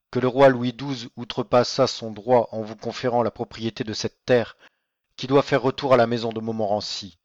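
Rôle : un homme faisant un huissier gêné, voix basse ; prise sèche, un peu terne. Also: male voice, no room sound, muffled recording, lightly acted. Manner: low, ashamed delivery.

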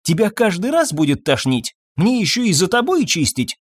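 A man voicing a sharp-tongued, impatient middle-aged woman who scolds and snaps, in a lifted voice. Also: on the high side, very animated, normal speed, no echo, clean studio sound. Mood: scolding.

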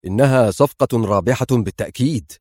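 A man's voice: mid-range voice, quick pace, darkish tone, no echo, lightly acted. A greedy henchman, voiced by a man, speaks with wide-eyed, incredulous amazement. His voice is the reader's own mid-range in a dry, close audiobook recording. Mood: amazed.

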